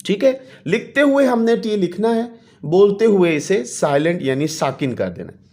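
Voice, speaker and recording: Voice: medium pitch, big pitch swings, normal speed, a little mellow. A teacher explains an English lesson to children, reading each English line aloud and then translating it, with polite fillers. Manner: patient, addresses children, adds polite fillers.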